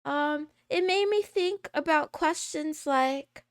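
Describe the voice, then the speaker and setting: A woman's voice run through a voice changer, sitting high and moving at an unhurried pace. She chats casually as a streamer, wandering between thoughts and laughing often. The sound is dry and close, with no room around it. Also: no echo. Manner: rambling, self-interrupting, laughs often. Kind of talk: casual chat.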